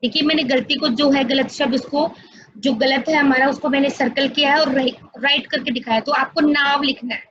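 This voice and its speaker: A woman's voice: sits high, fairly even intonation, moderate pace, a bit bright, dull audio. A woman teaching an online class to young children, explaining patiently step by step and often addressing them directly. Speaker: school teacher.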